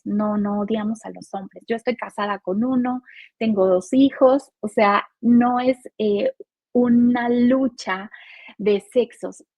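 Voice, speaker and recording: Woman, 40s, Mexican accent, podcast guest, earnest, husky, dry recording. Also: on the high side, a little mellow, no echo. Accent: Mexican Spanish. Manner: earnest, explanatory, uses many rhetorical "¿no?" tags. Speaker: guest, gender and care policy specialist. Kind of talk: podcast interview.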